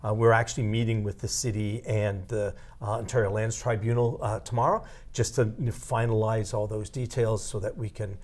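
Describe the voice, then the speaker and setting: A middle-aged man giving an earnest interview about his organization, halting and repeating words as he goes. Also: on the low side, steady tone, a little mellow. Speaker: outgoing executive director. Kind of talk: studio interview.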